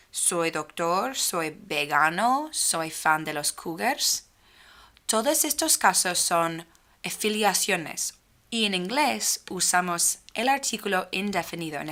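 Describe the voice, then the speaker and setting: A woman teaching a grammar lesson, speaking slowly and clearly and drawing out the example sentences. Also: medium pitch, a bit bright. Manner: slow, clearly spaced speech with stretched example phrases. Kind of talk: slow, careful grammar lesson.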